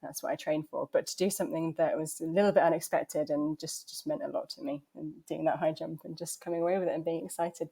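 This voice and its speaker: A woman's voice: deep voice, darkish tone. A young adult woman answering podcast interview questions in a chatty way, laughing easily and often restarting her sentences. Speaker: podcast guest, transplant athlete.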